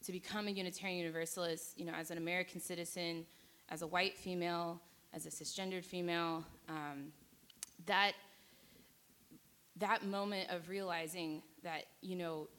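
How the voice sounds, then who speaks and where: A woman in her twenties speaks as a panelist, her voice sitting a little low. She talks haltingly, with frequent fillers and restarts, as she works through her thoughts in a panel discussion. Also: steady tone, a bit bright. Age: 20s. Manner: hesitant, many fillers and restarts. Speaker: panelist and student organizer. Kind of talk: panel talk.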